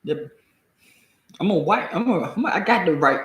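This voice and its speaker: An American man with a deep Southern accent, reading and commenting casually on the news in a halting, folksy, colloquial way. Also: lively intonation, fairly bright tone, slight background noise. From United States. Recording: echoey room.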